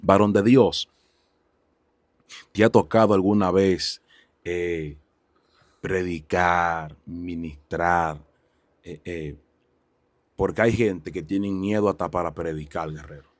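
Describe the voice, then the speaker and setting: Brief: low, deep male host of a faith testimony show, fervent and exclaiming, dry close sound. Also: fairly even intonation, takes it slowly, pauses often, no room sound. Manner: fervent, exclaiming praise and urging viewers.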